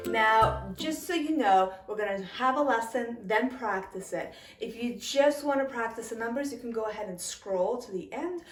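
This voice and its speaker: A woman teaching a language lesson, speaking patiently, repeating each word and chuckling now and then. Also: a little high. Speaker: French teacher. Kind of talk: slow, careful language lesson. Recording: roomy echo, a little far from the mic.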